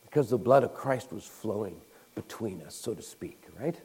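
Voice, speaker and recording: A man's voice: on the low side, expressive, normal speed, darkish tone, husky, poor audio. Folksy storytelling male preacher. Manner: storytelling, acting out quoted people; folksy, with fillers and restarts. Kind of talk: conversational sermon.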